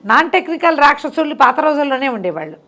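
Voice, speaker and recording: A middle-aged woman tells folk tales conversationally in a fairly high, slightly creaky voice, repeating words for emphasis. She breaks off to explain the moral plainly, in a didactic way, talking fast with big pitch swings and a bright, forceful tone.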